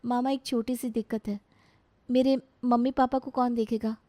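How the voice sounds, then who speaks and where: A young woman voicing a sweet, clever young bride in a storybook tale, polite and soft. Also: fairly high pitch, little pitch movement, moderate pace, dry recording, close to an everyday voice. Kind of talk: storybook voice acting.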